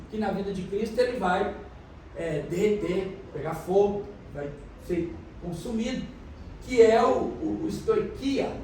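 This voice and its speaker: A man's voice: very high-pitched, a little mellow, slight background noise. A man preaching a sermon as pastor, explaining things and questioning the congregation. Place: church hall. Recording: echoey church hall, mic from a distance.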